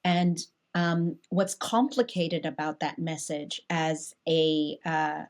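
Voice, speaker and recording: A woman from Hong Kong, a pastor, talking through a Bible passage in a reflective, conversational way, with frequent restarts and animated asides. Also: deep voice, slow.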